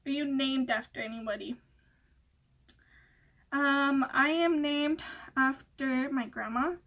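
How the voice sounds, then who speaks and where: A young woman with a high voice talks casually to her viewers in a relaxed Q&A. She rambles and restarts her sentences, fills pauses with fillers, and laughs easily. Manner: giggly, laughs often. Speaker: beauty vlogger. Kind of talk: casual Q&A chat.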